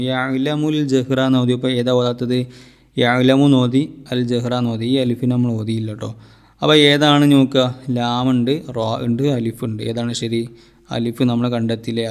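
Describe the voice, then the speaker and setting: A man with a Kerala Malayalam accent, a madrasa teacher walking through exam answers, patiently asking and answering his own questions and counting letters aloud slowly. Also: medium pitch. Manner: ends sentences with soft "tto" tag.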